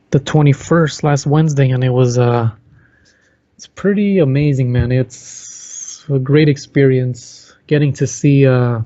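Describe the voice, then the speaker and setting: Mellow man on a dull, dry mic. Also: medium pitch, no echo. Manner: relaxed storytelling, easygoing. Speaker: podcast co-host. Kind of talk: casual chat.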